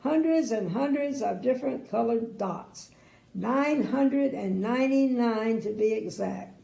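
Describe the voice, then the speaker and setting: Creaky sweet old lady reading bedtime stories. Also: on the high side, a little slow, warm tone. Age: older. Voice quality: creaky, gravelly. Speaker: storyteller grandmother. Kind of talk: expressive bedtime story read-aloud with chatty asides. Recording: roomy indoor echo.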